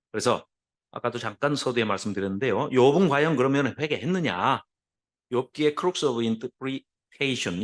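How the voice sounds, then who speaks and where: A man lecturing a Bible class, lively and full of rhetorical questions put to his listeners. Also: medium pitch.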